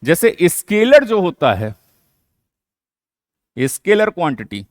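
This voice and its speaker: Speaking slowly in a high, sing-song voice, this man delivers a classroom physics lecture, breaking ideas into steps and posing questions he then answers himself. English terms crop up throughout his Hindi. There's no echo, and the studio sound is clean.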